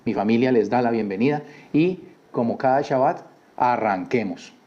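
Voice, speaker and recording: A man's voice: medium pitch, moderate pace, mellow, dull audio. A man from Colombia who teaches a weekly Torah portion in a conversational way, often repeating words and asking listeners rhetorical questions. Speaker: Bible study teacher.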